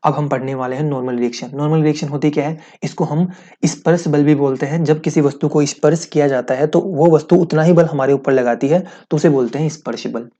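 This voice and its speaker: Man, physics teacher, mellow voice, dull lo-fi recording, explains step by step, repeats points. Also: on the high side, steady tone, brisk. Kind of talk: online physics lesson.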